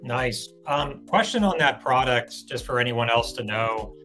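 A man's voice: mid-range voice, lively intonation, measured pace, bright, forceful tone, faint music behind. A man co-hosting a live talk show, enthusiastic and casual, explaining a giveaway segment and swearing freely. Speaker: co-host.

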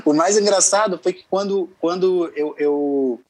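A man's voice: high voice, a little slow, slight background noise, rough recording. A young man, a singer, telling stories casually as an interview guest, laughing often. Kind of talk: casual storytelling.

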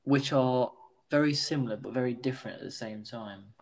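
A man's voice: mid-range voice, brisk, gravelly. A man playing a casual football guessing game, thinking aloud and making hesitant guesses. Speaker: quiz contestant. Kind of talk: casual football quiz chat.

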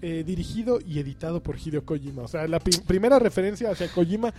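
A man's voice: on the high side, fast, dark tone, faint music behind. A man, hosting a casual gaming podcast, chatty and joking as he rambles on. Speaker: podcast host. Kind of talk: casual chat.

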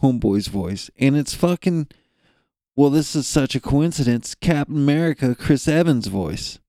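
A man's voice: a little high, moderate pace, warm tone, dry recording. Profane rambling young man, dry sound. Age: young adult. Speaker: podcast co-host. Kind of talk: casual rant.

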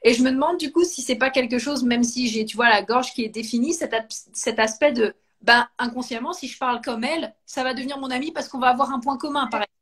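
A woman talks casually with a guest, turning her thoughts over as she goes. Her voice sits a little high, and she trips into restarts and fillers. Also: quick pace, hardly any pauses, fairly bright tone, slightly rough. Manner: thinks aloud with many fillers and restarts. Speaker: coach and host. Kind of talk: casual conversation, live video.

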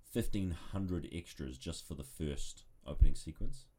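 Very deep-voiced new guy joking around. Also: a little slow, slight background noise. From New Zealand. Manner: joking, sarcastic, animated. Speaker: podcast co-host. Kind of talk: casual podcast chat.

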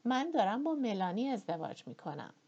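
A woman voicing a gentle young gentleman, earnest and kind, with a breathy, slightly muffled voice. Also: medium pitch, very animated, full character voice.

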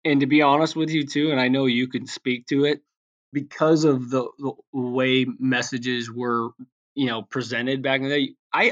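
A man in a loose interview chat, a pitching coach who circles back on his words as he explains. His voice sits mid-pitch and comes through a slightly dull, lo-fi line. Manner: talkative, many restarts and fillers.

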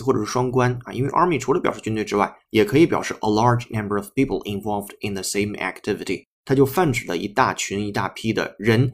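A man teaching English, explaining a text line by line at a slow, patient pace and spelling words out letter by letter. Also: fairly low pitch.

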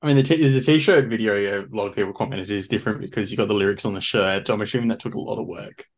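A man's voice: fairly low pitch, racing. Teasing male podcast host. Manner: dry, teasing, reads quotes aloud. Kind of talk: casual interview.

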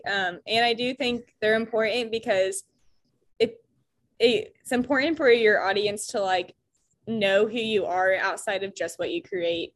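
A young woman with a Midwestern American accent, co-hosting a casual chat, talking in a chatty, self-deprecating way full of "like" fillers. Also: mid-range voice. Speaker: podcast co-host.

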